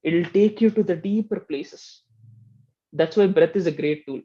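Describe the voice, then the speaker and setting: A man teaching meditation in a gentle, explaining way, often checking in with "right?". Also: high voice, measured pace, dull audio. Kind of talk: casual spiritual teaching talk.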